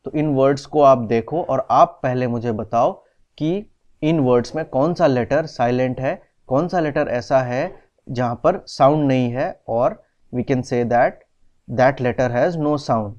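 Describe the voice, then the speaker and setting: A male teacher giving a classroom lesson in a slow, patient way, mixing Hindi and English and spelling words out letter by letter. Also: mid-range voice, a little mellow. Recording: dull, slightly lo-fi recording.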